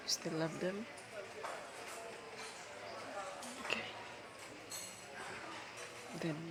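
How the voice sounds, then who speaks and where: Hurt and resigned, the heartbroken girlfriend in this ASMR roleplay lets her long-time partner go in a selfless, intimate one-sided dialogue. The woman voicing her has a Filipino accent and a natural mid-range voice, speaking in a halting, tender, pleading manner. Noise is clearly audible behind her.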